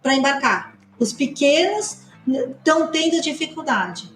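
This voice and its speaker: A woman, a partner at a customs consultancy, explaining points quickly and emphatically on a podcast. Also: sits high, animated, a bit bright, echoey room, soft background music. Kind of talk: podcast discussion.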